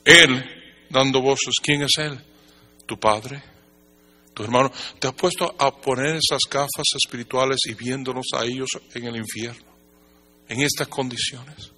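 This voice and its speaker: A man preaching a sermon with passion, swinging between hushed tones and shouting. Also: mid-range voice, steady tone, a little slow. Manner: impassioned, shifting from hushed to shouting. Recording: mains hum behind.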